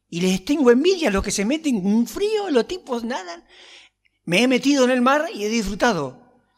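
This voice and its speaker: A man with a Rioplatense Spanish accent preaching a sermon, reading scripture and telling stories with humorous asides. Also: extremely high pitch. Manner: conversational storytelling with humorous asides. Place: church hall. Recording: long church reverb.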